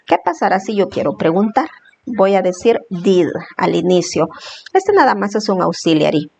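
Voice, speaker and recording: Woman teacher, patient step by step explaining, mid pitch. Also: big pitch swings, moderate pace, vocal fry, a little mellow, lo-fi sound. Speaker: English teacher. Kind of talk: classroom lesson explanation.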